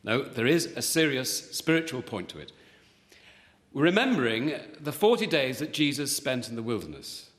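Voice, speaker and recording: A lively-pitched, earnest village vicar in a naturalistic TV drama. He is gentle, measured and polite. The voice rings in an echoey hall. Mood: earnest, solemn. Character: earnest, mild-mannered male village vicar, devoted husband.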